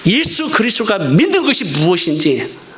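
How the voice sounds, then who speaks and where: A middle-aged man delivers a sermon in a fairly high voice. He preaches earnestly, pleads at times and drives points home by repeating lines. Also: wildly swooping pitch, moderate pace, fairly bright tone, slight background noise. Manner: earnest preaching that swings from pleading to emphatic repetition. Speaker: missionary preacher.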